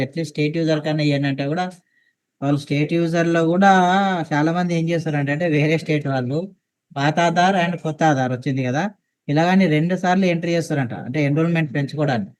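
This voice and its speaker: Brief: man, meeting coordinator, brisk, slightly high voice. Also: steady tone. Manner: quick, explanatory, businesslike. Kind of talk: online work meeting.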